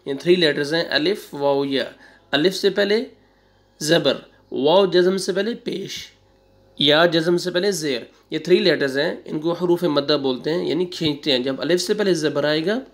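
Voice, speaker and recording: A man teaching Quran reading, spelling out syllables slowly one by one, repeating them and correcting wrong readings. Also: a little high. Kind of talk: slow spelling-out recitation lesson.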